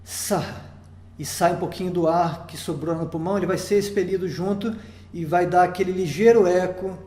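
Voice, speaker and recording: High-voiced Brazilian teacher in an echoey room. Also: male voice, fairly quick, dark tone. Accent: Brazilian Portuguese. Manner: patient, step-by-step explaining, checks in with "tá?". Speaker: Sanskrit teacher. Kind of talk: recorded lesson. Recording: roomy echo.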